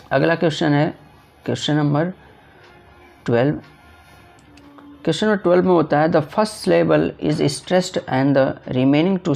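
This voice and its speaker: A male teacher runs an exam-prep lesson in a gravelly, somewhat high voice. He keeps repeating himself, posing little questions and then answering them, and slows right down whenever he reads an English line. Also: darkish tone. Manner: repetitive, asks and answers his own questions; reads English lines slowly then explains in Hindi.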